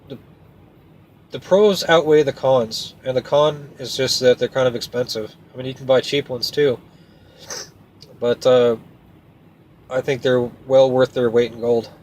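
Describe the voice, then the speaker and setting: A medium-pitched man, a trucker with a video channel, rambles casually to his audience, sounding homespun, plainspoken, and hesitant. The recording is low quality with clear background noise that stays steady.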